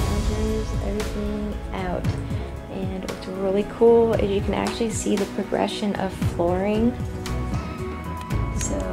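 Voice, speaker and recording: A woman's voice: mid-range voice, creaky. A woman in her thirties giving a casual narrated house tour on a handheld camera indoors. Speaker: vlogger. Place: indoors, room under renovation.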